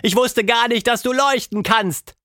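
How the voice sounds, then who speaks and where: A man's voice: very high voice, unhurried, no echo, studio quality, pitched above the performer's own voice, full character voice. A man doing an eager, adventurous young girl. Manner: bright eager raised voice.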